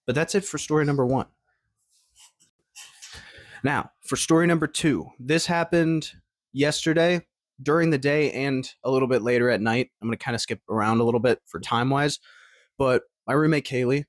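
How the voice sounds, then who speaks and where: A male vlogger in his twenties rambles cheerfully through stories to camera, full of fillers and restarts. His voice sits in the mid-range, and the audio is studio quality with no room sound.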